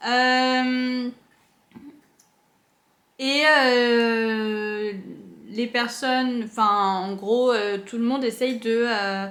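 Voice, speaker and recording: A young woman casually chatting as she unboxes books at home, gushing with excitement and using lots of fillers. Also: fairly high pitch. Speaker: book unboxing vlogger. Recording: echoey room.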